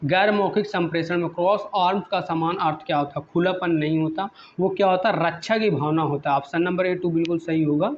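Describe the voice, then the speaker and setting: A male teacher working through exam questions, reading each English question slowly, then explaining it in Hindi and asking his own prompts again and again. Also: high-pitched, steady tone, highs cut off, slight background noise.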